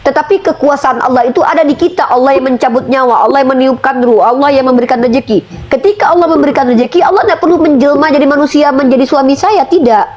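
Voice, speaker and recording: Woman arguing with rhetorical questions. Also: sits high. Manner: forceful, rhetorical questions, slows for emphasis. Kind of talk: debate argument.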